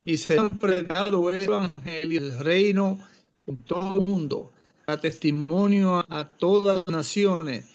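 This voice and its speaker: Man, slow scripture reading, call audio breaking up, dull lo-fi sound, remote connection. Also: on the high side. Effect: online call audio breaking up. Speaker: scripture reader. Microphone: remote internet call.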